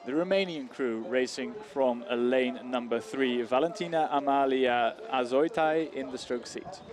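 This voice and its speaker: A man calling a rowing race live as a commentator, with hesitant phrasing full of small pauses. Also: medium pitch. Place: outdoor regatta commentary spot beside the grandstand. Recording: crowd noise behind. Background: crowd.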